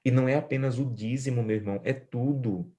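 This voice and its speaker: A middle-aged man with a Brazilian Portuguese accent preaching a sermon, shifting from hushed lines to lively storytelling. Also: medium pitch, a little fast. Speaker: pastor.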